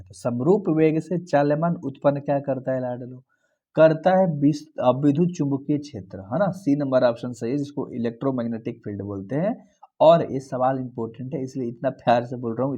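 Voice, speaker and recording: A man's voice: mid-range voice, dark tone. A young man with a Bihari Hindi accent, going through exam questions, repeating each answer and coaxing his students along. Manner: repetitive, coaxing, calls students darlings. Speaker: teacher. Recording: dull lo-fi recording.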